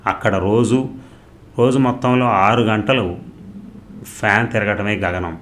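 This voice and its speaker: Man doing a timid husband, anxious, pleading, earnest, deep voice. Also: fairly even intonation, a little slow, fairly bright tone, slight background noise.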